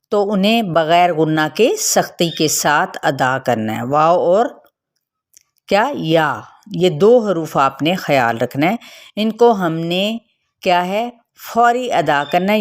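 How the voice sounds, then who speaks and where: A woman teaching Quran reading, patiently explaining the rules and modelling each sound for her student. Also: lowish voice. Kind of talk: step-by-step recitation lesson.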